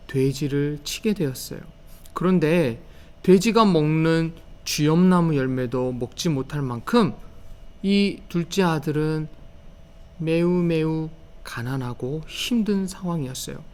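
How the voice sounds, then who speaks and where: A young man giving a gentle children's sermon, telling a story and asking the little ones questions. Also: on the high side. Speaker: children's pastor.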